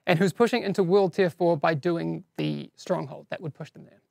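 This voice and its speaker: A man with a heavily gravelly, fry-laden voice and an accent hosts a live game-news stream. He talks casually to chat in a dry, close-sounding room, slipping in self-deprecating asides between updates. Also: fairly high pitch, normal speed, a little mellow, no echo. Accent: non-standard English accent, teased by viewers.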